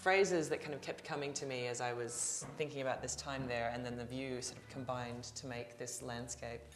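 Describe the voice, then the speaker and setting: A woman in her thirties, an artist, talking casually and reflectively in her studio, pausing and restarting often with small laughs. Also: a bass voice, fairly even intonation, far from the mic, noisy background. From Australia. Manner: hesitant, reflective, many restarts and soft laughs. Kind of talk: casual interview talk. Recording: roomy, mic set back, music behind.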